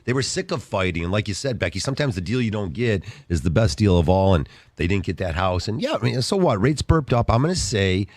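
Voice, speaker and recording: A man's voice: on the low side, sing-song, fairly quick, hardly any pauses, darkish tone, dry recording, studio quality. A man hosting a casual radio talk show, upbeat as he walks through mortgage numbers step by step.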